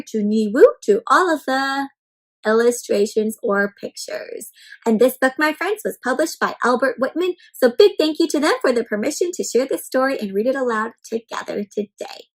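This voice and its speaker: Leading an interactive picture-book reading for young children, a high-voiced woman tells the story in an animated way. She turns to her little listeners with questions and pauses to let them think. The recording is rough.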